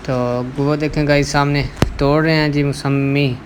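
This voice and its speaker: A man's voice: on the high side, monotone, moderate pace, background noise. Chatty Punjabi man vlogging outdoors. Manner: chatty, fillers like "matlab" and "theek hai". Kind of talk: casual outdoor vlog narration. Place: outdoors in a fruit orchard.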